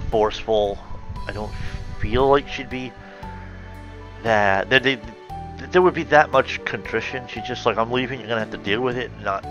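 A man reading fan fiction aloud and stopping often to comment, thoughtful and halting with many fillers and self-corrections. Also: fairly low pitch, fairly bright tone, muffled recording. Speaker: reader and reviewer of fan fiction.

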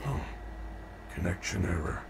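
A gentle care robot, a kindly mascot bear from a horror game who talks in polite, formal, carefully measured sentences. His pitch rises and falls with plenty of lift, and clear hiss sits under the game audio. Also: sing-song, full character voice. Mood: gentle, protective. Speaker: game character.

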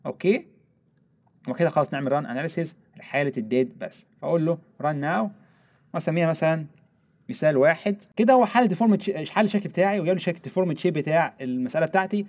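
A young man with an Egyptian Arabic accent gives a screen-recorded software lesson. He talks very quickly in a slightly raised voice. He walks through each step and drops English technical terms into his Arabic. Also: a little high. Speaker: software tutorial instructor.

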